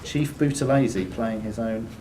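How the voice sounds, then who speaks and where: A man with a warm, medium-pitched voice reads out quiz questions at a moderate pace, exchanging brief banter between the scripted items. He is the quizmaster in a sports and social club room, heard through a distant room mic with faint background noise.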